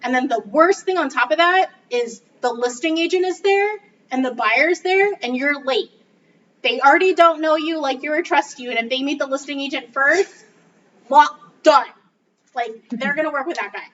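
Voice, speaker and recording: A woman's voice: high voice, normal speed, a bit bright. A woman trainer giving an upbeat, casual coaching talk to a group in a meeting room. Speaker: real estate trainer. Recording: distant, dull mic with faint noise.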